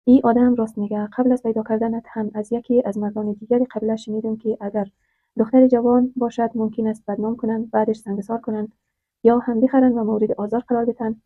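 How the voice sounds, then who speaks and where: A woman voicing a sorrowful, resigned father speaking gently to his daughter in a storybook tale. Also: a little high, level tone, no room sound, natural voice. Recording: dry, tinny phone-like sound.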